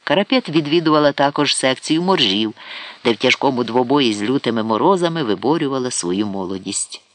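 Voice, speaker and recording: A man narrating satirical prose for an audiobook in a measured, wry reading voice. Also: medium pitch, lively intonation, a little hiss or hum.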